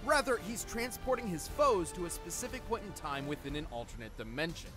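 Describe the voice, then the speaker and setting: An earnest, nerdy scientist co-host performed by a man, with a fairly high voice and animated intonation. He explains things precisely in scripted narration, with music clearly audible underneath. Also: a little fast. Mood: analytical. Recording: voice over background music.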